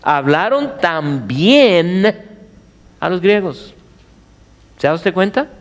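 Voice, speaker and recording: A middle-aged male pastor preaching in a lively way, with his pitch leaping up and down. His voice sits a bit high for a man. He keeps putting questions to his listeners. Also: slow. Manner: animated preaching with rhetorical questions to the congregation. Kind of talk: Spanish-language sermon.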